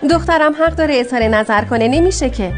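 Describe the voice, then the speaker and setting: A wry, sensible young shopkeeper, voiced by an actress, who sounds dry and mildly scolding. Her voice is high, and music plays under the dub. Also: natural voice. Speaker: shopkeeper who translates for a friend. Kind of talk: dubbed TV drama acting.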